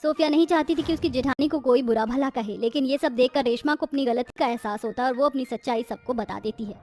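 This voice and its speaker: A woman narrating a scripted cartoon story in a steady storytelling manner. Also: high voice, quick pace, faint music behind.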